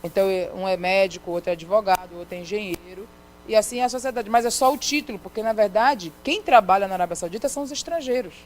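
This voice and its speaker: A woman's voice: mid-range voice, fast talker, low-quality recording. Middle-aged Brazilian woman, missionary sermon, storytelling with acted-out dialogue, mid-range voice, faint hum behind. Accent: Brazilian Portuguese. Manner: retells a story, acting out the quoted dialogue. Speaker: missionary preacher. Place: church sanctuary.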